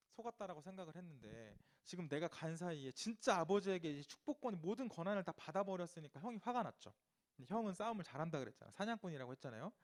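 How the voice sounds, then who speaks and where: A male youth pastor delivers a storytelling sermon in a conversational, animated way. His voice sits high and swings widely in pitch. He keeps tossing rhetorical questions to his listeners.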